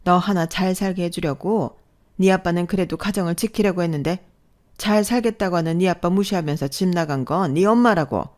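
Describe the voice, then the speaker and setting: Woman reading a nagging middle-aged aunt, insistent and reproachful, lowish voice, radio-story drama. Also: a little fast, a little mellow, lightly acted. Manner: insistent, reproachful guilt-tripping. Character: pushy middle-aged aunt, guilt-tripping and pleading.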